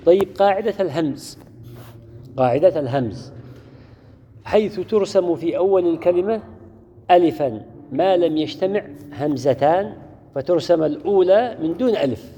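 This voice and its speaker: A man's voice: a little high, expressive, moderate pace, pauses often, warm tone, a little hiss or hum. A man teaching a class, repeating key words and putting questions to his students. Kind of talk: classroom lesson on Quran orthography. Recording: dull lo-fi recording in a reverberant hall.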